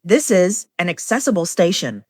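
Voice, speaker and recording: A woman's voice: fairly low pitch, sing-song, normal speed, darkish tone, no room sound, studio quality. A woman reading a short scripted transit announcement in the style of an airport announcement. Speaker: station announcer.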